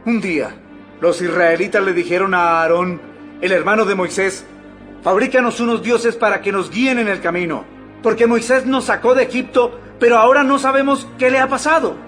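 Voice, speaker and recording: Impassioned high-voiced preacher Stephen. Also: male voice, steady tone, normal speed, fairly bright tone. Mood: earnest, preaching. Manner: oratorical, emphatic, declamatory. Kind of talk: dramatized audio Bible acting. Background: background music.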